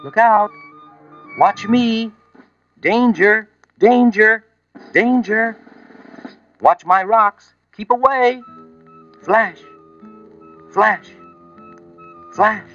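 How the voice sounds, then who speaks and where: A man voicing a proud, jolly little red lighthouse that calls out loud warnings in a high, emphatic voice. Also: very animated, unhurried, few pauses, husky, exaggerated voice. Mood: urgent warning. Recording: muffled old vinyl record with music.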